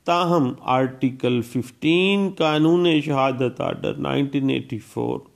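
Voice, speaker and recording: A man with a slightly high, creaky voice delivers a law lecture, explaining legal rules step by step. He repeats statute citations and speaks Urdu legal terminology mixed with English words.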